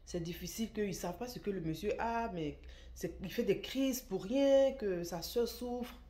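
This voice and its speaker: A woman's voice: mid-range voice, normal speed, warm tone. A woman who runs an online shop, telling a story in a casual, emphatic way and repeating words for stress. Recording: echoey room.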